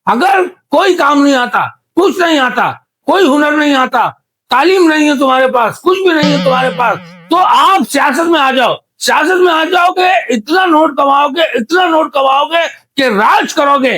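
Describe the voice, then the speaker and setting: An actor playing a deaf man in a comedy interview, who mishears every question and rambles loudly and indignantly. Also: very high-pitched, moderate pace. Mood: shouting lecture. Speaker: guest character in comedy interview. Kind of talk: comedy sketch acting.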